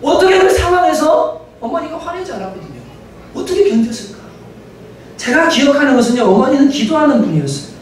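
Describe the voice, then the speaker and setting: High-voiced man preaching in an echoey church. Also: sing-song, fast talker, a little hiss or hum. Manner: emphatic, often addresses the congregation directly, swells to shouts. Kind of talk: Sunday sermon. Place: church sanctuary. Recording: very echoey church hall from far off.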